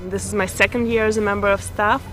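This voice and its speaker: A woman on the staff of a summer school, speaking in a casual interview in a friendly, relaxed way. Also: mid-range voice, fast talker, over music.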